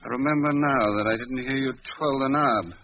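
A man's voice: mid-range voice, a little fast, lightly acted. An actor playing a wealthy, curt and imperious man in 1940s radio drama style. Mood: accusing. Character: wealthy, stern, accusing male employer. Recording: muffled, hissy 1940s radio recording.

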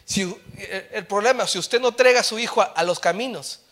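A middle-aged male preacher giving a sermon, switching between Spanish and English, with joking asides and swells into loud, emphatic exhortation. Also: high voice, a little fast, faint music behind.

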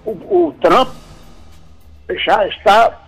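A man's voice: high voice, expressive, very slow, gravelly, breathy edge, soft background music. Indignant man ranting on the radio. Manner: indignant, rambling complaints. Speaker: caller. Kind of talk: call-in radio chat.

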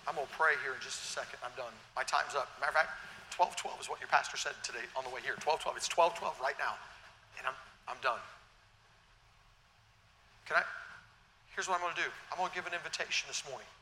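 Bright-voiced preacher at a pulpit microphone. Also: male voice, mid-range voice, fast, pauses often, a little hiss or hum. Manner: earnest, exhorting, addresses the congregation directly. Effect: speaking at a pulpit microphone. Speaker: guest preacher. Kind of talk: sermon. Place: church sanctuary. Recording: long church reverb, faint room ambience.

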